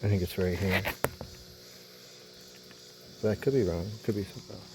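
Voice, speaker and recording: A man's voice: low-pitched, normal speed, background noise. A man casually narrating his vlog outdoors on a houseboat, explaining a repair while he works. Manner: easygoing, explains while working with his hands. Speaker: vlogger.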